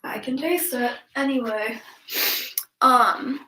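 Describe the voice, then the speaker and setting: A young woman with a high voice and a stuffy, congested nose leads a stretching class from a room in her home, chatting and rambling slowly with lots of ums and easy laughter. Her tone is sharp, and the low-quality recording has an echoey sound.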